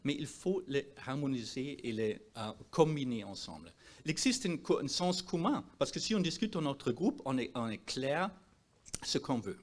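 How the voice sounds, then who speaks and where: Guy doctor giving a talk in french w a foreign accent, not native, really animated pitch, stresses points, hunts for words. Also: normal speed. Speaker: doctor presenting at a health conference. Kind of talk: presentation to an audience.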